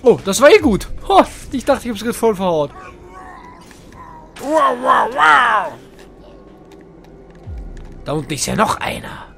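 A man talks over a game, playful and hammy, tossing in English catchphrases. His voice sits high and swings widely, with a gravelly fry at times. Faint game music runs beneath him. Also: sing-song, fast talker, few pauses. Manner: playful, hammy, mixes in English phrases, sudden shouts. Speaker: let's play gamer. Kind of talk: excited gameplay commentary.

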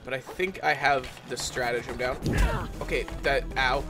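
A man's voice: mid-range voice, fairly even intonation, moderate pace. A man giving casual commentary while playing a game, yelping and swearing each time he gets hit. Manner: swears and yelps when hit. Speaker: let's play gamer. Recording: game music behind voice. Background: game music.

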